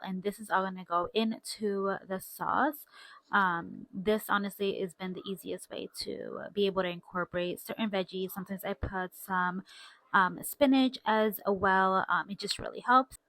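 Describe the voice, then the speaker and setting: A woman's voice: medium pitch, sharp tone, no room sound. Woman vlogger, casual and close-miked, dry sound. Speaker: vlogger, stay-at-home mother. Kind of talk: casual vlog chat to viewers. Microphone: clip-on lapel mic.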